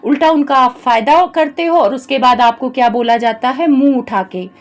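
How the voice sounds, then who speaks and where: High-voiced woman vlogger giving scolding commentary. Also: moderate pace. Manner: chatty, scolding. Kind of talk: reaction commentary vlog.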